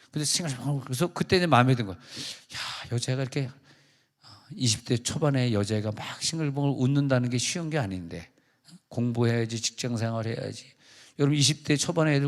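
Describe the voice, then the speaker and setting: A man's voice: mid-range voice, in a large hall. A male pastor giving a conversational, joking sermon to his congregation. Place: large church sanctuary.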